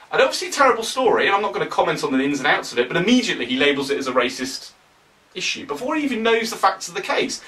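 A young man with a British accent giving animated, opinionated commentary to camera, often sarcastic. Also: on the high side, far from the mic, poor audio. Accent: British English. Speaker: political vlogger.

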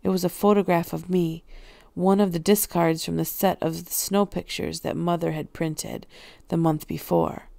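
A woman reading a novel aloud in first-person narration, with a steady, even delivery. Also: fairly low pitch, moderate pace, vocal fry, no room sound. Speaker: audiobook reader.

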